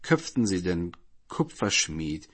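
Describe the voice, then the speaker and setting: A man narrating a folk tale on a radio program in an even, explanatory reading. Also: low voice, takes it slowly. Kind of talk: scripted radio storytelling.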